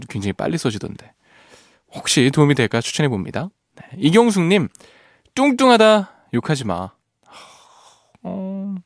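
Lively, playful male radio DJ. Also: medium pitch, no room sound, studio quality. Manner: playful, laughs often, strains voice singing a line. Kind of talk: radio show chat with listener texts. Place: radio studio.

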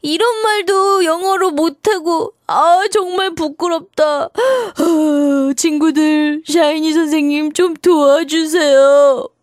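A woman's voice: high voice, no room sound, studio quality, faint music behind, voice pushed up. A woman voicing a shy, embarrassed young child who pleads for help in a children's lesson skit. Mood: bashful. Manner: bashful, pleading, drawn-out.

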